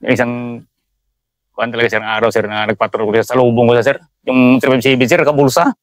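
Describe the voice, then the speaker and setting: A Filipino man with a mid-pitched voice tells a field story as a guest in a casual interview. He acts out each exchange with lively bursts and says "sir" nearly every line. The sound is close and dry. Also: quick pace, dry recording. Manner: peppers speech with "sir", acts out dialogue animatedly. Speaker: Special Forces sergeant, guest.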